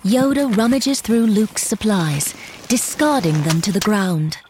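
A woman's voice: mid-range voice, animated, measured pace, darkish tone, a little hiss or hum. A woman narrating stage directions as scripted narration.

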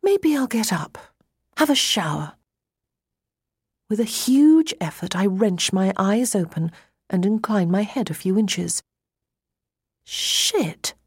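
Audiobook role: hungover young woman played by an actress, groggy, breathy, bewildered, dragging pace, very dry close sound. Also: mid-range voice, lively intonation, takes it slowly, pauses often, dry recording. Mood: bewildered, alarmed. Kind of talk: first-person dramatised audiobook narration.

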